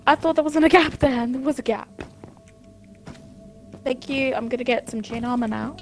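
A woman's voice: sits high, moderate pace, soft background music. A woman in casual chat with friends during an online game.

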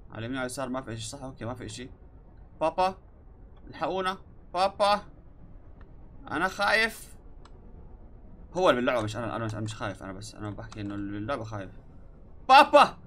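A young gaming YouTuber with a medium-pitched, fairly bright voice delivers playful, dramatic let's play commentary, joking about being scared.

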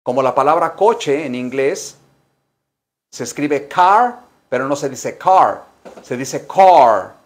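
Slow, patient man teaching English. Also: medium pitch, expressive. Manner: drills phrases slowly, switching between Spanish explanations and English examples. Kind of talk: slow, repetitive language lesson.

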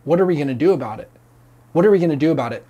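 A man's voice: on the high side, animated, very fast, mellow, dull audio. Earnest man preaching to camera. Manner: earnest, emphatic, gesturing widely. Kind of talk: impassioned teaching to camera. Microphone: lapel mic.

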